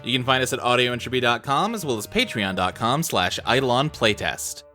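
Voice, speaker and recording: Lively, bright man reading podcast credits. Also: medium pitch, fairly quick, faint music behind. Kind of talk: scripted podcast outro.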